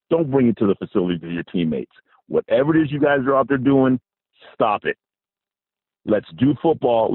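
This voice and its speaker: A man speaks as a radio show caller, his husky, low voice coming through a narrow, dry phone line. He talks in an earnest, urgent way. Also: no room sound. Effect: phone-line call-in voice. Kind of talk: call-in speech to fellow fans.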